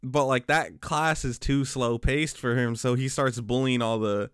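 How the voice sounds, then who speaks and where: Steady and measured, a man's mid-range voice sounds fairly bright and smooth as he co-hosts a podcast and recounts his special education teaching work in slangy, easygoing stories with many restarts. The casual chat is recorded dry in a clean studio.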